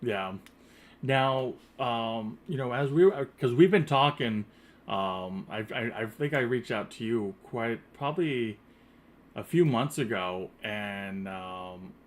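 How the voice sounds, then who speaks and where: A man hosts a podcast interview through an earpiece headset, talking casually and rambling with many fillers and restarts. His medium-pitched voice is expressive, and he takes it slowly.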